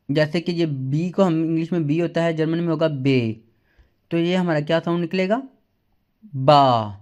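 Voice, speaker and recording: A man gives a beginner's language lesson at a very slow, deliberate pace. His voice sits a little high for a man. He sounds out each letter patiently and repeats it so learners can follow. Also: darkish tone. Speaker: German teacher.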